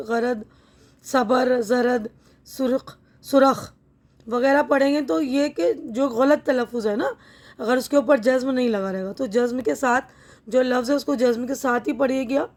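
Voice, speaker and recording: A young adult woman teacher explaining a textbook lesson patiently, sounding words out slowly and often checking that students follow. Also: sits high, darkish tone.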